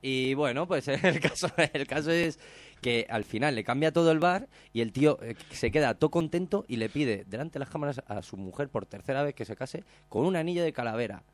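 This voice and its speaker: Animated man on a dry studio mic. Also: mid-range voice, brisk, no room sound. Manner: animated storyteller, swears freely, acts out quotes loudly. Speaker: radio show host. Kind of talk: casual radio chat, retelling a TV show. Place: radio studio.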